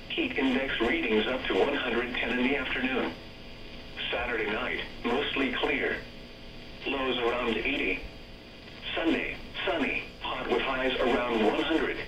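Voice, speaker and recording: A male text-to-speech voice, mid-range and evenly clipped, reads an automated weather broadcast through a radio speaker. A camera aimed at the weather radio receiver records it from across an echoey room, so the voice sounds far from the mic.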